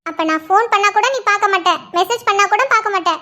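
A woman's voice: extremely high pitch, fast, bright, forceful tone. A nagging young cartoon girlfriend. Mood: teasing complaint. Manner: twists every reply into a complaint. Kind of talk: cartoon voice acting.

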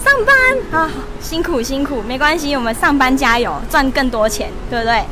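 Young woman, high bright voice, bubbly live-stream shopping host, chatty and giggly, hand-held lapel mic, faint mall ambience behind. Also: lively intonation, moderate pace, background noise. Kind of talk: lively live-stream product promo. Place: large indoor shopping mall store. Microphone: wired lapel mic held in hand.

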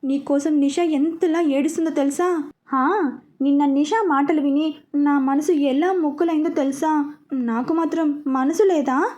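A woman's voice: sits high, fairly even intonation, measured pace, a little mellow. A woman voicing an exasperated young man who is a loyal friend, scolding as he talks, in a spoken story.

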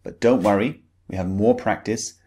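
A man's voice: lowish voice, fairly even intonation, dark tone, husky. A man with a British English accent teaching pronunciation, speaking carefully and encouraging the listener to repeat words after him. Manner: slow, careful, encouraging delivery with drilled example words. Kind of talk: pronunciation lesson.

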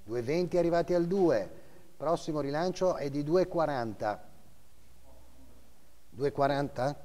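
A man's voice: a little high, animated, measured pace, dark tone, long reverb tail. A middle-aged man working as an auctioneer, calling bids and lot numbers live in short clipped phrases, often repeating the figures. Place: auction house room, seated behind a desk, indoors.

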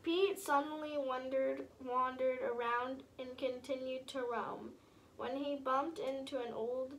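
A woman's voice: sits high, fairly even intonation, unhurried, slight background noise. A woman reading a rhyming picture book aloud in a sing-song way, breaking off to chat with viewers. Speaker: storybook reader.

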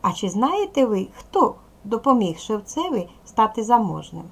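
A woman teaching a video language lesson to young children, patient and slow, asking questions and waiting for answers. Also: a little high, big pitch swings. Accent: Ukrainian. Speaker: primary school teacher.

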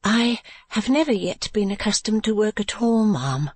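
A timid, modest young woman of a classic storybook, acted out by a narrator. She speaks softly and politely in a raised pitch, with quiet pride. The recording is dry. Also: expressive, normal speed, no echo, close to an everyday voice. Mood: subdued. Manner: low-voiced, timid, polite. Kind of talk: classic novel audiobook character.

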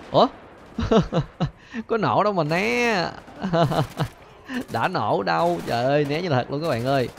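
A man hosting a gaming channel, chattering excitedly to viewers as he plays and repeating his phrases, with faint game gunfire behind him. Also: mid-range voice, noisy background. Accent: Vietnamese. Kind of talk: excited gameplay commentary.

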